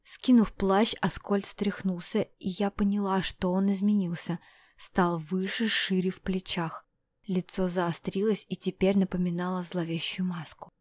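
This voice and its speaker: A woman narrating a first-person fantasy audiobook in a brisk, breathless storytelling manner with hushed asides. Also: mid-range voice, flat delivery, no echo. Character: heroine, a defiant young woman.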